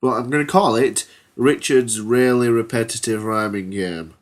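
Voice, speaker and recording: A teenage boy hosting a homemade comedy podcast, stuffed up from a cold, chats and tells an absurd story, rambling hesitantly with ums. He speaks at medium pitch and normal speed.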